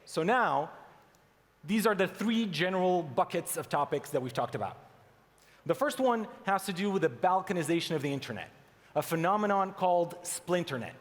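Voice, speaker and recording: A man from Portugal giving a conference keynote talk in English, animated as he reads out mock headlines to the audience. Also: fairly high pitch. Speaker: conference speaker. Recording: long hall reverb.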